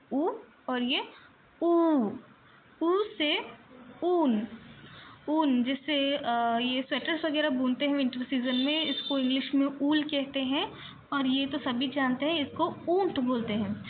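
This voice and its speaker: A high-pitched woman speaks slowly and patiently as she teaches the Hindi vowels, drawing out every sound and slipping English words into her Hindi. The recording is thin and phone-like, with faint noise behind her. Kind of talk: slow, patient teaching with drawn-out example words.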